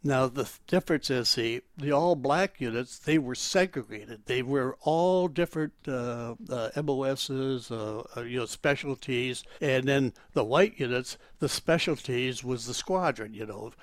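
An elderly man, a retired military veteran, reminiscing in an interview in a rambling, halting way as he searches for details. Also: mid-range voice, dry recording. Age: elderly, 80s or older. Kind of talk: oral history interview, reminiscing.

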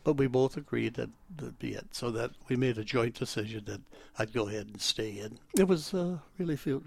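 Elderly veteran haltingly remembering his past. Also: mid-range voice, gravelly. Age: elderly, 80s or older. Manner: old veteran remembering, rambling and halting, searching for details. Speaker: interviewee, retired military officer and war veteran. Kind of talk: oral history interview, reminiscing.

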